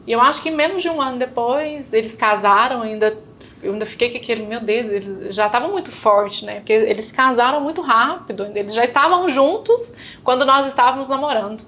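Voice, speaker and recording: Guest with a fairly high Brazilian voice and faint room noise behind; recounts a personal story, voicing the people in it. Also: female voice, lively intonation, brisk, fairly bright tone. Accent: Brazilian Portuguese. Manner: storytelling, acting out remembered dialogue, frequent tag questions. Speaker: interview guest. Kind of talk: personal testimony in casual chat.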